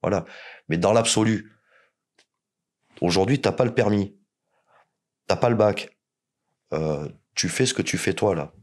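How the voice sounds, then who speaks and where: A man's voice: lowish voice, a little slow, pauses often. A man from France, a podcast guest, telling stories in casual chat, blunt and joking with plenty of swearing.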